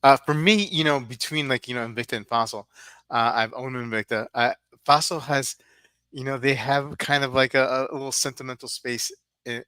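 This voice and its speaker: A man's voice: mid-range voice, fairly even intonation, a little fast, bright, forceful tone, clean tone, dry recording. A man in his fifties co-hosting a casual livestream chat, talking loosely with plenty of fillers and tag questions. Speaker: livestream co-host.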